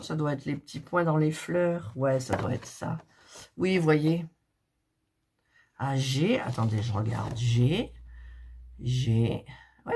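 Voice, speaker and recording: A middle-aged woman, hoarse and recovering from a cough, chatting softly and thinking aloud as she unboxes cross-stitch kits. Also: sits low. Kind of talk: casual unboxing chat.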